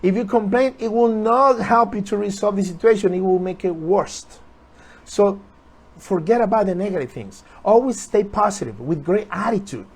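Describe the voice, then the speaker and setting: High-voiced earnest motivational man. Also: moderate pace, breathy edge. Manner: earnest, repetitive, urging viewers. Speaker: motivational speaker. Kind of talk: motivational talk on a live stream.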